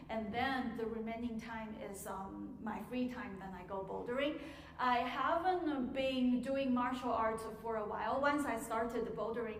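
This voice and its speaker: A woman teaching a piano masterclass, answering audience questions in a measured way with frequent pauses and ums, in an auditorium. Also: fairly high pitch. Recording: echoey hall, faint noise.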